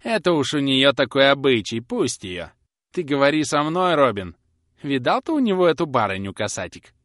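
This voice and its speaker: A man's voice: medium pitch, sing-song, normal speed, a bit bright, no room sound, clean studio sound, voice pushed up. A man voicing a grasping, sly old woman who coaxes and snaps as she pries for secrets, in a storybook reading. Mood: coaxing. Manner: wheedling, coaxing, then snapping. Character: grasping sly old crone, prying and fierce.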